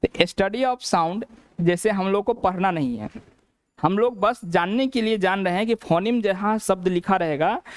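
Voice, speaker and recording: A man's voice: high-pitched, clear, resonant tone. Hindi-speaking male teacher, question-and-answer drills. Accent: Bihari Hindi. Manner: repeats each point as a question, then answers it. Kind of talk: classroom lesson.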